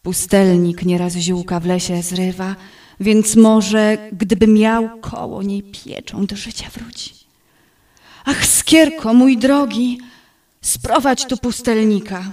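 A woman's voice: mid-range voice, steady tone, slow pace, far from the mic, lightly acted. A woman voicing a female water nymph spirit, reciting theatrical verse in a declamatory way. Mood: commanding. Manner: declamatory, with swells of loudness.

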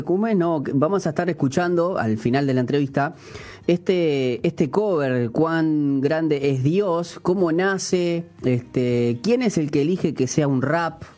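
High-voiced man interviewing. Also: darkish tone. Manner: halting, many fillers. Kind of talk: casual interview.

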